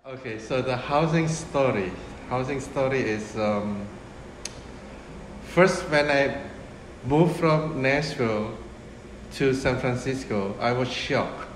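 A man in his fifties, originally from Indonesia, a restaurant owner speaking in a casual interview, unhurried and full of fillers and restarts. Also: mid-range voice. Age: 50s. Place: restaurant dining room, indoors. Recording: roomy echo with room noise.

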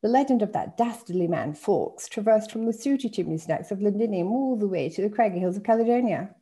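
A woman's voice: mid-range voice, expressive, a little fast, dark tone, pitched above the performer's own voice, lightly acted. A woman reading aloud voices a cheeky teenage girl putting on mock received pronunciation in a grand, theatrical way. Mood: mock-posh. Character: cheeky teenage girl mocking posh English.

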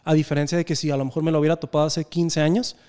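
A man's voice: on the high side, level tone, racing, darkish tone, clear, resonant tone. A Mexican man in his thirties, talking earnestly and reflectively in a casual podcast conversation. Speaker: podcast guest.

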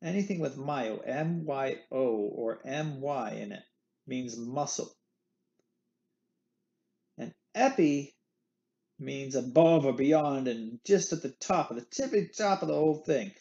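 An anatomy instructor teaches over recorded slides, a playful, jokey explainer leaning on candy analogies. His mid-range voice is slow, creaky and warm, and the audio is muffled, captured by a computer mic at his desk via screen recording with webcam.

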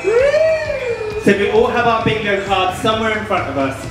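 A man's voice: high-pitched, animated, quick pace, crowd noise. A man working as a bingo caller and party host, with campy, theatrical drag-show patter into a handheld microphone. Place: indoor decorated party studio. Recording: very echoey room, music behind.

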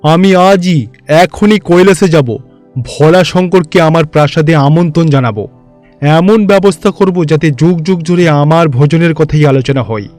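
Faint music backs a man's fairly high, somewhat mellow voice as he plays a rich god of wealth in a Bengali animated fairy tale. The character is boastful, vain, fawning before superiors, and the lightly acted delivery is proud, gloating, pompous and theatrical at a moderate pace.

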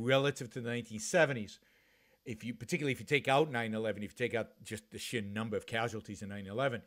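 A man's voice: mid-range voice, fairly bright tone. A man in his fifties from Israel, hosting a solo talk-radio show from a home office, talking earnestly with many restarts and fillers into a studio mic. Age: 50s. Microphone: studio mic with pop filter, headphones.

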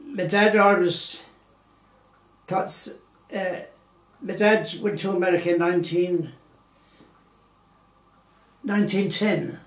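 Elderly man, rambling storyteller. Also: sits high. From Galway, Ireland. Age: 90s. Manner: rambling, with many pauses and fillers. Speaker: oral history interviewee. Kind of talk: unhurried storytelling reminiscence. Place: small living room indoors, seated in armchair. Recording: roomy living-room echo.

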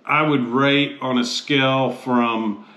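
An American man in his fifties reviews a product in a roomy, echoey space. His pitch is average and his delivery is casual and measured. He often pauses mid-phrase to find the next word. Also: fairly even intonation, sharp tone. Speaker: host of a pipe tobacco review show.

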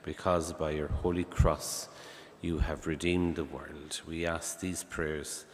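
A man, a priest, leading funeral Mass prayers at the altar in a calm, measured way with conversational asides. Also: rumbling low. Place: large church, at the altar. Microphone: far camera, church PA. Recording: long church reverb.

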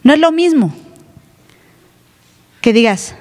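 A woman's voice: high voice, animated, slow, a little mellow. Emphatic woman pastor preaching in a hall. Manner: emphatic, teasing, plays other voices. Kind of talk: sermon. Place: church. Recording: live church hall reverb.

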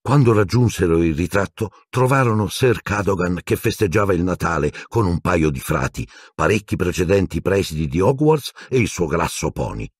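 A man narrating an audiobook with expressive, storytelling intonation. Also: low voice, normal speed, hardly any pauses, husky, dry recording, studio quality.

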